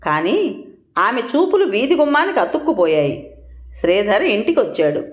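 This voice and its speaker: Female storyteller for a scripted family audio drama; expressive, animated delivery, roomy sound. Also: on the high side, normal speed. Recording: roomy echo.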